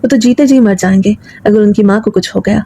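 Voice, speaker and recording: A woman's voice: medium pitch, warm tone, slightly rough. A woman voicing a patient young daughter-in-law who pleads humbly and tearfully, in a storybook reading. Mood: pleading.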